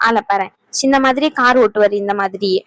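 A woman's voice: mid-range voice, fairly quick, fairly bright tone, no room sound, close to an everyday voice, poor audio. A woman voicing a mother in a cartoon, teasing and scolding her little son.

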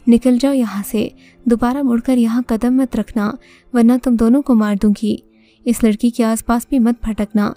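A woman's voice: on the high side, fairly even intonation, dark tone, faint music behind, close to an everyday voice. A woman reading a stern, heavy-voiced female jinn. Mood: threatening. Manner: stern, then consoling. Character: protective female jinn, commanding.

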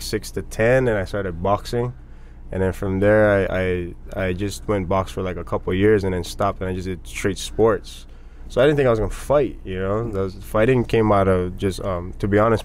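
Laid-back low-voiced fighter guest. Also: male voice. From born in Indonesia, raised on Maui, Hawaii. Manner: laid-back, laughs often, trails off softly. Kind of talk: casual podcast interview. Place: podcast studio with red curtains. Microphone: headset and desk podcast mic.

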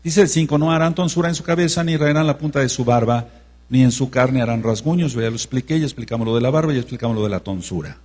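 A man from Mexico giving a teaching sermon as pastor, who checks in with the congregation and slowly spells out words. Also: medium pitch, darkish tone, husky. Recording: reverberant hall with mains hum.

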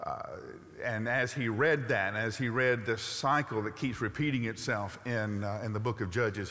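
A man in his sixties preaching a sermon from a church stage, animated and emphatic, with rhetorical questions and a Southern US accent. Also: medium pitch. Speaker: pastor. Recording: long reverb of a large sanctuary.

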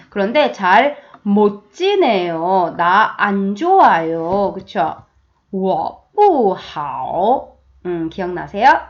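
A woman teaching a beginner Chinese lesson, slowly and patiently, checking in often and modeling phrases for learners to repeat. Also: mid-range voice. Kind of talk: beginner language lesson with drills. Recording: dull lo-fi audio.

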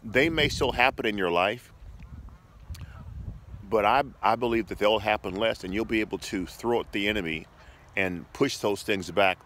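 A man's voice: fairly low pitch, moderate pace, fairly bright tone. A middle-aged man preaching in an informal, conversational devotional style, encouraging his listeners and often repeating his phrases, recorded on a phone held at arm's length outdoors. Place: outdoors by a shoreline path. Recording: clear outdoor ambient noise.

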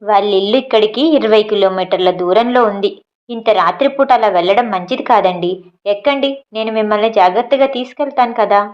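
A woman's voice: mid-range voice, a little fast, close to an everyday voice. A woman voicing a teasing young man who talks in a sarcastic, bantering way. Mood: earnest. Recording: dull lo-fi audio.

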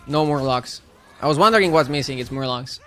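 A man's voice: mid-range voice, brisk, a bit bright. A male streamer giving casual, joking commentary while playing and chatting with viewers. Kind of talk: casual live gameplay commentary.

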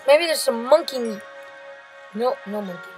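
A woman with a high, bright-sounding voice talks through a video game at an easy, unhurried pace. She is excitable and yells at the creatures she meets. Soft game music plays faintly behind her. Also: poor audio. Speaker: gameplay commentator. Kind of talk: casual let's-play commentary.

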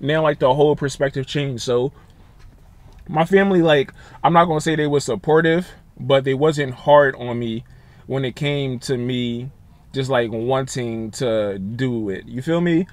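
A man's voice: mid-range voice, measured pace, no room sound. A young man chatting casually in a vlog, loose and slangy, with lots of fillers and asides. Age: young adult. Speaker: content creator. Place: Los Angeles.

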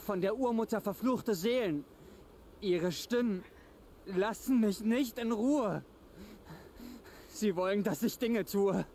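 Game role: a haunted outcast, high and anguished, pleading, slight background noise. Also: male voice, slow, long pauses, a little mellow. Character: tormented outcast man hearing spirit voices. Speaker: game character.

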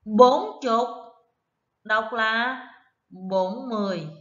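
A woman primary school teacher giving an online math lesson to first graders, counting aloud slowly and prompting the children to repeat after her. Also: on the high side, echoey room, muffled recording.

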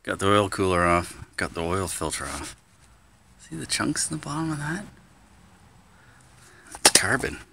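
A man's voice: sits low, very animated, a little slow, creaky, pauses often. Chatty middle-aged man vlogging outdoors. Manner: chatty, explaining as he goes, often hushed. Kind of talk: casual running commentary. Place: in a car and outdoors in a driveway. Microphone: handheld or dash-mounted camera. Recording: noisy outdoor and road sound.

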